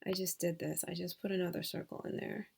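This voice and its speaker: A woman giving a casual software tutorial, thinking aloud with hesitant fillers and dropping to soft mutters as she works. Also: fairly low pitch, level tone, quick pace, vocal fry, a little hiss or hum. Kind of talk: screen-recorded tutorial.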